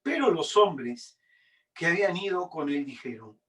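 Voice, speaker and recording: A man reading scripture aloud in a sermon, deliberate and dramatic, his loudness swinging up and down. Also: fairly high pitch, sing-song, far from the mic. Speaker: preacher.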